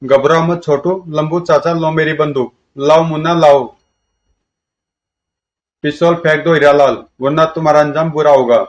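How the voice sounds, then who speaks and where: A man's voice: fairly high pitch, brisk, hardly any pauses. Man reading a comic aloud. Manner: lively, shifts between characters' lines. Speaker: comic story reader. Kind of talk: reading a comic aloud, voicing all characters. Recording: dull lo-fi recording.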